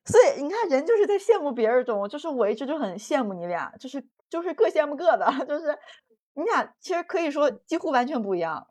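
A woman's voice: high-pitched, sing-song, fast talker, darkish tone. A woman co-hosting a podcast in casual chat, who laughs along and trails off mid-thought. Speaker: podcast co-host.

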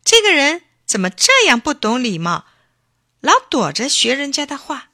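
A woman voicing a cheerful, impatient little boy in a children's storybook reading, exclaiming in a high voice. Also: big pitch swings, moderate pace, pushed and bright, no echo, clean studio sound, full character voice. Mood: eager.

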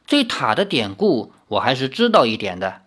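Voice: mid-range voice, big pitch swings, moderate pace, a bit bright, pitched below the performer's own voice. A reader voicing a pompous old male scholar spirit who lectures in a pedantic way, in an audiobook reading. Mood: lecturing.

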